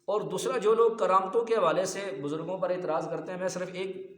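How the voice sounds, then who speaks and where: A man's voice: high voice, fairly even intonation. A man giving a sermon as an Islamic preacher, in a rhetorical manner, often asking his listeners whether they follow. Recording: echoey hall reverb.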